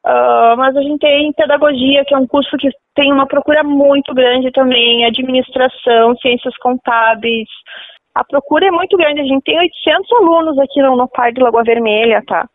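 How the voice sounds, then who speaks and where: High-voiced woman over a landline phone. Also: steady tone, moderate pace, no echo. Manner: explanatory, ends points with "tá?", frequent fillers. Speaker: university campus coordinator. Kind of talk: radio phone interview. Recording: tinny phone line on radio.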